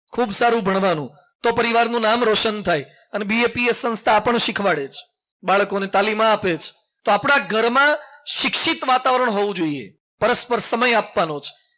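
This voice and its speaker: High, bright-voiced Gujarati monk preaching. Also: male voice. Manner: folksy storytelling with jokes and call-and-response; mixes English phrases into speech. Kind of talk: sermon.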